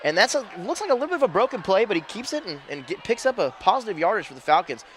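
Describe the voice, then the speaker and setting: Excitable play-by-play man, high-pitched and fast, calling a school game from the booth. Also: a faint crowd, a little hiss or hum. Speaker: play-by-play announcer. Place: press box above a stadium.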